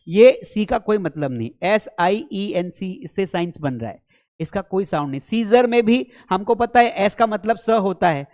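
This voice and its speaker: A man teaching an English spelling lesson, lively and chatty, asking and answering his own questions as he explains. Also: high-pitched.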